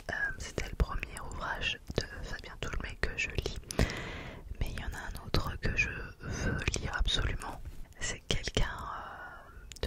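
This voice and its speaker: A woman giving an informal, somewhat hesitant ASMR book review in a soft library-style whisper. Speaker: book reviewer, vlog host.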